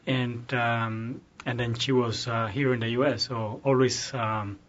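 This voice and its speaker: A man answers interview questions in an earnest way, often restarting as he reaches for the right words. His voice is mid-pitched, and the podcast audio is dull and lo-fi. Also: flat delivery, unhurried, slight background noise. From Cuba. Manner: earnest, repeats words while searching for them. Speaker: guest, restaurant owner. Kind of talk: casual interview talk.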